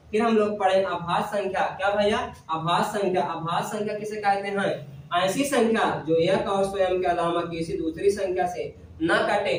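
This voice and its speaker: A man's voice: high voice, slight background noise. A male maths teacher recapping a lesson, asking questions and answering them himself in a call-and-response drill. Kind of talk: classroom recap lecture. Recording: very echoey room, voice from a distance.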